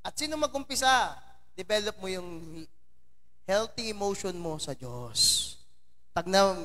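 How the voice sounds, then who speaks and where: A man with a very high voice preaches a chatty sermon, breaking off to tease people in the pews by name. His words ring out with a long echo around the church hall. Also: fairly bright tone. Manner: chatty, teasing asides to congregation members by name. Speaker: pastor. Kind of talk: conversational sermon.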